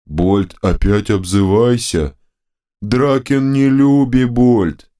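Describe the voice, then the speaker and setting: Brief: sulky simpleton ogre head, deep drawl, smooth tone, voiced by a man. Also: steady tone, slow, warm tone, natural voice. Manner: booming, broken speech, whiny. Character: slow dim-witted male ogre head, childish.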